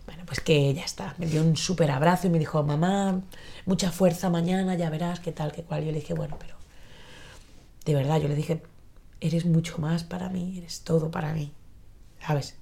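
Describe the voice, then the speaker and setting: A woman in her forties, talking haltingly and reflectively in an emotional personal conversation, recorded in her home kitchen. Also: low voice, steady tone, gravelly, dark tone. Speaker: podcast guest.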